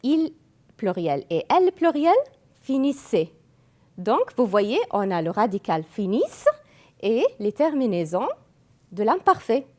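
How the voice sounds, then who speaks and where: A woman whose first language is Arabic, teaching French grammar slowly, spelling out verb endings and repeating each form. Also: a little high, very animated, a little mellow. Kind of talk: classroom grammar lesson.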